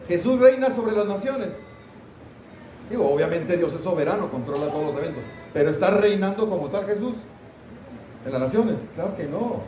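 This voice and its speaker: A man's voice: high-pitched, animated, normal speed, dark tone, a little hiss or hum. Man, pastor, Sunday school class, conversational, quizzing students, echoey room, distant mic. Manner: conversational, asks the class questions, mock scolding asides. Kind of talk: interactive Bible class teaching. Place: church classroom. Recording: roomy church hall, voice from off-mic.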